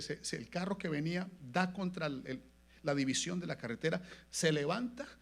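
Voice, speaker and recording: A man pastor with a Latin American Spanish accent preaching a sermon in a church, dropping to low murmurs and then rising to loud, emphatic lines. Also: vocal fry. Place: church sanctuary.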